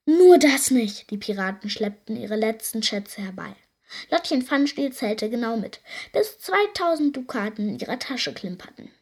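A woman reads a children's story aloud with an expressive, lively delivery. Her voice sits fairly high and she shapes each sentence for young listeners. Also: normal speed.

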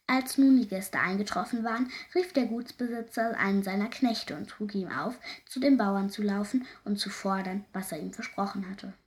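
A woman narrating a folk fairy tale in a lively, expressive way. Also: medium pitch, moderate pace, hardly any pauses. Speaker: storyteller.

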